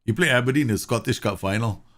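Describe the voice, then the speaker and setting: A Singaporean man live-streams a football management game at a quick clip, his voice mid-range. He chats casually, reads the in-game news out loud, and laughs a lot as a gaming streamer.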